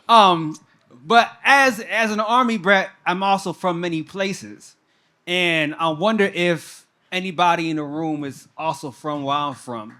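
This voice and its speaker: A young man from Texas, a spoken word poet, shouting out to a live audience before performing a rhythmic, repeating poem on stage. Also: high voice. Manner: hypes the crowd with call-outs, then a rhythmic repeated-line poem.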